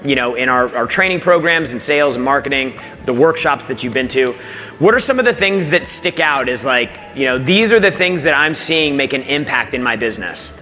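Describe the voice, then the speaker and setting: A man's voice: mid-range voice, animated, fairly quick, sharp tone. A man hosting an onstage interview who talks with a lot of energy and hypes up the audience. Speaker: event host. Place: large event hall. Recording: hall reverb with faint music.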